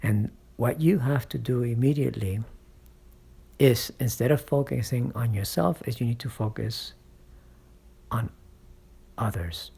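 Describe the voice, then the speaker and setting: Slow gravelly man coaching public speaking. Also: medium pitch, dark tone. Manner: coaching, checks in with frequent "right?" and "okay?"; speaks from experience, encouraging. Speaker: channel host and speaking coach. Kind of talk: motivational public-speaking advice.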